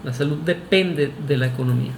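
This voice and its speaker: This Venezuelan vlogger's voice is a little high, fairly quick, and carries vocal fry, with a reverberant sound and background noise. In his Venezuelan Spanish accent he gives an emphatic, argumentative opinion monologue to camera, full of restarts and "este" fillers.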